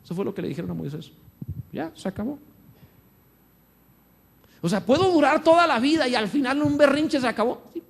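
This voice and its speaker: Pastor, male, high-pitched voice, animated sermon delivery that swings from loud to hushed. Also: fast talker, vocal fry, few pauses.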